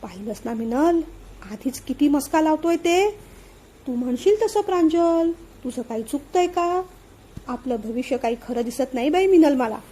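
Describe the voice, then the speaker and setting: A woman's voice: sits high, animated, normal speed, dark tone, poor audio. Woman reading as a fretful, gossipy mother. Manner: complaining, gossipy. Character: suspicious middle-aged mother fretting over son.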